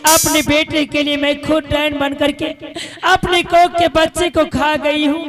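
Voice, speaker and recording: A man's voice: very high voice, little pitch movement, unhurried. A man playing a devoted, sorrowful, childless queen who pleads plaintively in an Indian village stage drama over music. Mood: sorrowful, pleading. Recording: loud music behind stage dialogue.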